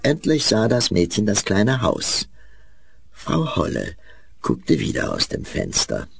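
A man narrating a children's fairy tale in an expressive storytelling way. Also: fairly low pitch, takes it slowly, creaky, faint music behind.

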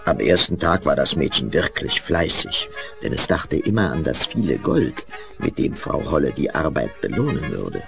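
A man narrating a children's fairy tale in an expressive storytelling way. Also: very deep voice, normal speed, creaky, music in the background.

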